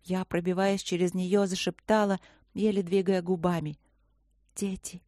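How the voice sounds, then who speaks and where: A woman narrating an audiobook in first person, speaking softly with a feverish, breathless edge. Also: on the low side, flat delivery, normal speed, no echo, studio quality.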